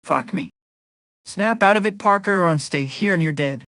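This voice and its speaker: A man's voice: sits high, normal speed, fairly bright tone, no echo, studio quality. A man playing a young, earnest, wisecracking superhero in a comic dub, quippy and urgent. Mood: urgent, strained. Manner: quippy, urgent, self-narrating.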